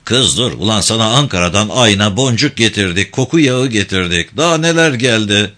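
A man reading a story aloud, voicing a coarse, brash young village man who talks roughly and swears. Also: fairly low pitch, lively intonation, brisk, pushed and bright. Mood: coaxing. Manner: gruff, swearing, blustering.

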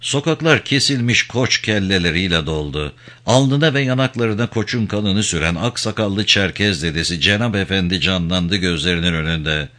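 A man narrating a novel in a measured, literary storytelling manner. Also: low-pitched, animated, pushed and bright. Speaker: audiobook narrator.

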